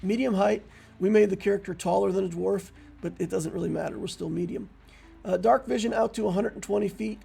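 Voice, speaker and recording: A man with a rather high voice and a heavy gravelly fry, sounding husky as he talks. He walks through a tabletop character build in a relaxed, chatty manner, pausing on fillers as he goes. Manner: relaxed and conversational with frequent fillers. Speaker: tabletop game build creator. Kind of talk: casual explanatory walkthrough.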